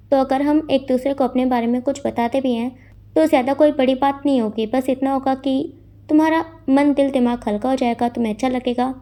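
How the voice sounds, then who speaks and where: A woman's voice: sits high, warm tone, natural voice. A woman voicing an earnest, lovesick young man in a storybook read-aloud, speaking in a confiding way. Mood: coaxing.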